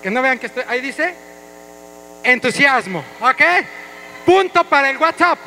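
A man, pitched very high, leads his congregation with an energetic, playful voice. His tone is bright and ringing as he coaxes the crowd along. A faint hum sits under the church sound. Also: a little slow, poor audio. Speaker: pastor. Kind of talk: interactive church sermon. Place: church hall.

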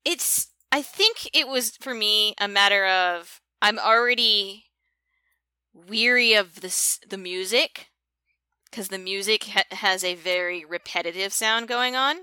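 A woman co-hosting a podcast, talking over a film in a halting, conversational way. Her voice is bright and crisp, recorded close and dry with no room sound. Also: mid-range voice, no room sound. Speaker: podcast co-host. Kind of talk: casual film recap chat.

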